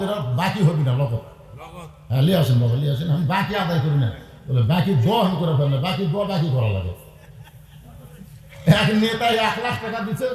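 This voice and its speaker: Animated, high-voiced preacher. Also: male voice, echoey room, in a large hall, poor audio. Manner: lively, calls on the crowd to answer and raise hands; appeals for donations, blesses each gift. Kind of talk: Islamic waz sermon.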